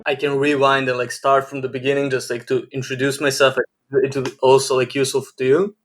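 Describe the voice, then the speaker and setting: A man's voice: medium pitch, fairly quick, soft background music. A man in his twenties with a Serbian accent, a podcast guest telling his life story in a casual, rambling way, full of "like" fillers. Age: 20s. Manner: rambling, many "like" fillers, flat delivery. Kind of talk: casual interview chat.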